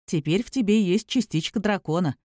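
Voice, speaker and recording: A woman's voice: medium pitch, a little fast, mellow, dry recording, studio quality, close to an everyday voice. A woman voicing a friendly, teasing young male werewolf in an audiobook, speaking easily and affectionately. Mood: explaining. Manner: easygoing, affectionate, calls her little one.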